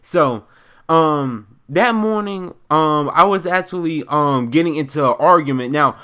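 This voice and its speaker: A young American man from Chicago telling a story as a casual, animated rant, in an emphatic, indignant, slangy and rambling way. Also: fairly high pitch, a little slow. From Chicago, United States.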